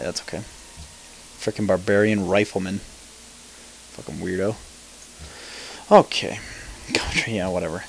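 A man's voice: fairly low pitch, gravelly, a little mellow, a little hiss or hum, rough recording. A man giving casual gameplay commentary, thinking aloud, mumbling and swearing now and then. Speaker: let's play gamer.

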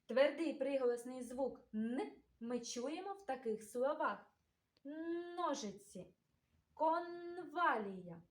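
Slow-spoken teacher woman, high voice. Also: animated, darkish tone, echoey room. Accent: Ukrainian. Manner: slow, carefully enunciated, sounding out words. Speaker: preschool teacher. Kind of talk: children's literacy lesson.

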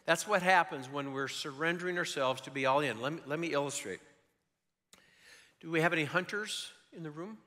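An older male pastor preaches with a bright, forceful tone that sits a little high. He tells stories with animated energy and slips in joking asides. His voice carries the long reverb of a large church hall. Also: a little fast. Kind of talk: sermon. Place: church sanctuary.

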